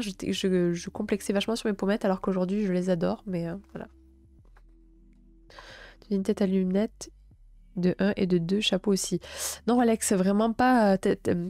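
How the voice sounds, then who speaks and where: A woman from the South of France with a southern French accent, streaming live. She reads passages aloud and chats softly with viewers, with hesitant fillers in her asides. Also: medium pitch, dry recording. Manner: soft, hesitant asides with frequent fillers between read passages. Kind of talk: reading astrology text aloud and chatting with viewers.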